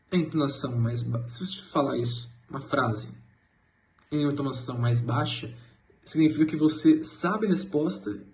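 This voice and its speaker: A man's voice: fairly high pitch, a little mellow, slight background noise. A man explaining English grammar in a loose, searching way, with many restarts. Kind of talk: explaining grammar in a class presentation.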